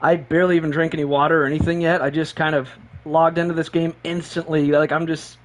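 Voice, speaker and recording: A man with a high voice streams a racing game live and talks with bubbling excitement. He rambles and says the same things twice, running on little sleep and plenty of caffeine. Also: quick pace, slight background noise. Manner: excitable, rambling, repeats himself.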